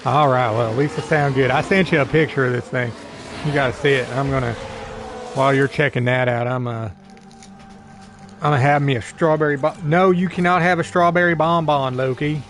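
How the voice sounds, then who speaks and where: A man's voice: mid-range voice, steady tone, fairly quick, pauses often, noisy background. A young man chatting casually to viewers and a friend while streaming a racing management game, rambling and easygoing. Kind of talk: casual live-stream chat.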